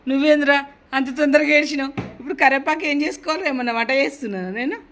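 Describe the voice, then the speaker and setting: A woman's voice: high-pitched, very fast, fairly bright tone. A woman, teasing and coaxing a kid after a prank, pressing him with questions. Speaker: prank vlogger. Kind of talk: casual teasing chat.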